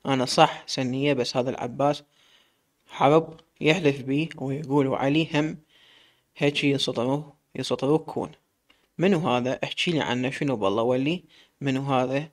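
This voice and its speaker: A man voicing a sharp-tongued Iraqi captive woman. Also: medium pitch, normal speed, natural voice. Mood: questioning. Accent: Iraqi Arabic. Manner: scolding, questioning.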